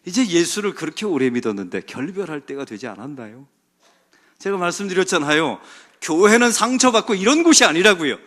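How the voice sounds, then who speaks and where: A middle-aged male pastor delivers a sermon in a church sanctuary, his voice pitched high and full of movement. He preaches emphatically, rising to loud exhortations and then dropping to hushed, intimate asides. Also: very animated, brisk. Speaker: senior pastor.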